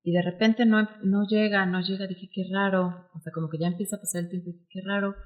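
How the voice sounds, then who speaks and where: A woman in her forties with a Mexican Spanish accent, a guest telling her story in an interview, animated and acting out quoted dialogue. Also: medium pitch, quick pace, phone-quality sound. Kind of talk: emotional personal storytelling interview.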